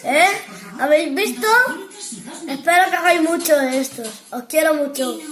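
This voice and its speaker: High-pitched child host with Castilian accent. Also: moderate pace, fairly bright tone. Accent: Castilian Spanish. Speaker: child host of a crafts channel. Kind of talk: children's craft tutorial. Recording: roomy, echoey sound.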